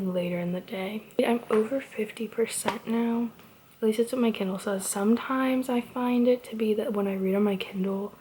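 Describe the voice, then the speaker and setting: A woman's voice: mid-range voice, mellow, a little hiss or hum. A young woman chatting through a late-night reading vlog, tired and often half-whispering, with slightly muffled speech from a retainer and lots of "like" fillers. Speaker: book vlogger.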